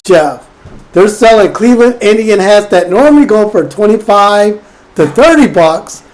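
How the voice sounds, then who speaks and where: A man's voice: high-pitched, expressive, normal speed, low-quality recording. A man co-hosting a podcast, in crude, joking casual banter, laughing often. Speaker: podcast co-host.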